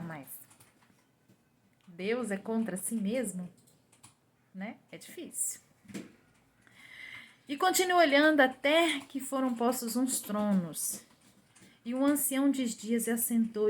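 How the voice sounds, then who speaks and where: A woman's voice: medium pitch, slight background noise. A woman giving an informal, emphatic sermon in a conversational way, acting out voices in quotes and often asking "né?". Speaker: preacher.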